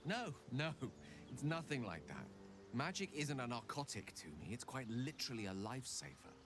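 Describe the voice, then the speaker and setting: A man's voice: mid-range voice, sing-song, normal speed, lightly acted. An actor playing a refined, polite male wizard who confides a secret in formal, courteous speech. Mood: earnest. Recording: game audio with music behind.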